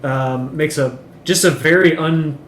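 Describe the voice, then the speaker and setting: A man's voice: on the high side, measured pace. A man co-hosting a podcast, chatting casually and rambling, with frequent ums and swearing. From Chile. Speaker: podcast co-host. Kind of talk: casual chat. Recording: echoey room, faint noise.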